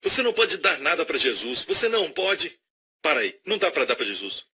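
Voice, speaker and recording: A man preaching a sermon, animated and questioning his audience. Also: on the high side, a little fast, husky.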